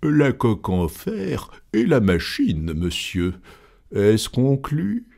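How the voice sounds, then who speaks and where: A man playing a cool, formal gentleman from a storybook, giving orders in slow, measured phrases. The voice stays unruffled, with a gravelly, husky grain underneath. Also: mid-range voice, huge pitch swings, pitched above the performer's own voice, exaggerated voice. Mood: calm. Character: imperturbably calm English gentleman, male, middle-aged.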